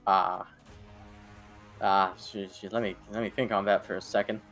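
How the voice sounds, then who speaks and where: A man's voice: on the low side, little pitch movement, normal speed, fairly bright tone, faint music behind. A man playing a tabletop role-playing game, talking casually and groping for words as he improvises. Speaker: player.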